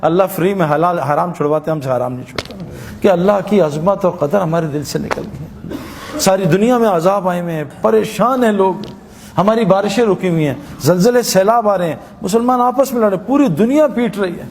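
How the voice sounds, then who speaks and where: A man's voice: high voice, gravelly, a little mellow, long reverb tail, slight background noise. A man preaching a sermon, telling stories and acting out their dialogue in an earnest manner. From Pakistan. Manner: storytelling, earnest, acts out dialogue.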